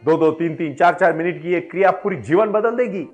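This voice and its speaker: Man, motivational spiritual speaker, somewhat high voice, emphatic, faint music behind. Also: fairly quick. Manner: emphatic, rising to exhortation. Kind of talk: devotional motivational address.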